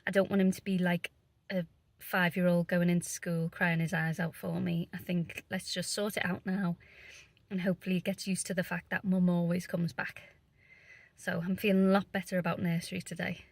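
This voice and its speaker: A tired young woman vlogging about her day as a stay-at-home mum. She rambles in a casual, chatty way and fills her pauses with ums. She sounds worn out and run down. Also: lowish voice, level tone, vocal fry. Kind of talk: casual vlog chat.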